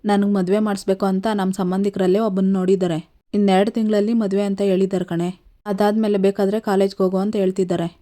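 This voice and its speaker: Woman as distraught young college girl, pleading, low-key delivery. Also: level tone, quick pace, warm tone, lightly acted. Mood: upset. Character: young college girl in love, tearful and desperate.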